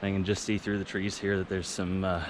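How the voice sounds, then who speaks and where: A man's voice: deep voice, little pitch movement. Breathless man vlogging on a trail. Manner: chatty, laid-back, self-mocking. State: out of breath while climbing. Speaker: travel vlogger. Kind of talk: casual vlog talk to camera. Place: outdoors on a mountain trail near a waterfall. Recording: loud rushing waterfall noise outdoors.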